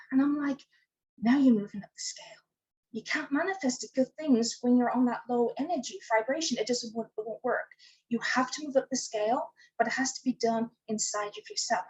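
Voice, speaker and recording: A woman's voice: high-pitched, darkish tone, breathy edge, poor audio. A woman life coach answering interview questions, telling stories by acting out what she said to her clients. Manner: tells stories by acting out her own past dialogue.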